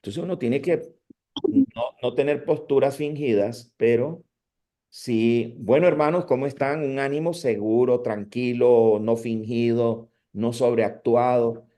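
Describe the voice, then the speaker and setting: A man gives a lecture on preaching in a warm, mellow voice at a medium pitch. He speaks in a lively, conversational manner. He often breaks off words and restarts them. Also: slow. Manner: animated, conversational, with frequent restarts. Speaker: preaching professor.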